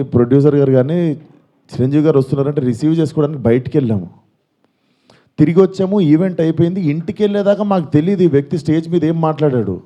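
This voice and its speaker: Actor in his 20s at a press meet, rapid, mellow voice, earnest and pleading. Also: on the high side, lo-fi sound. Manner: earnest, pleading, repeats himself. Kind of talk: press conference statement.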